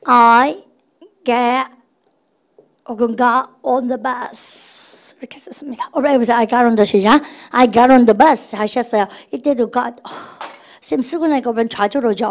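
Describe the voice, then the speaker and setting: A woman's voice: a little high, unhurried. A woman teaching a recorded English grammar lesson, coaxing her class through call-and-response drills and chatting playfully. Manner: calls herself "ssaem", chatty and playful.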